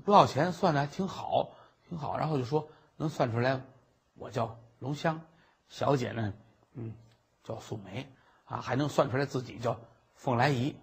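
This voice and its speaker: A man voicing a cheeky, teasing young maidservant in a husky voice. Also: medium pitch, normal speed, pauses often, pitched below the performer's own voice.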